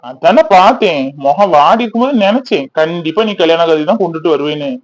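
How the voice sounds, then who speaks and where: A man's voice: a little high, lively intonation, a little fast, lightly acted. Man voicing a sarcastic, grumbling young son. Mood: dismissive. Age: 20s. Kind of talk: cartoon voice acting.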